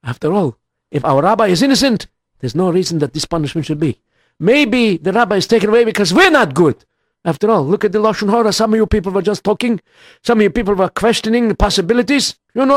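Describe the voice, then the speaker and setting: A man's voice: high voice, dry recording, clean studio sound, pitched above the performer's own voice. A man voicing an elderly, fussy synagogue elder who repeats himself insistently. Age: older.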